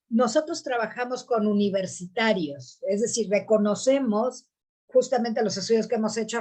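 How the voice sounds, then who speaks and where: A woman asking a speaker a question at a conference, halting and repeating words. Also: medium pitch, mellow. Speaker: audience member asking a question.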